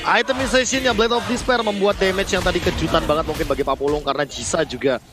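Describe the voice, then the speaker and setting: A man's voice: high-pitched, fairly even intonation, fast talker, over music. A man with an Indonesian accent giving detailed, explanatory analysis during live video game commentary.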